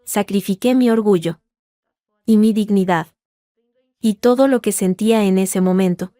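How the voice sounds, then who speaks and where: A woman's voice: mid-range voice, normal speed, warm tone, dry recording, studio quality. A woman reading a tense first-person story in a restrained manner. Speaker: narrator. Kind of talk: scripted first-person narration.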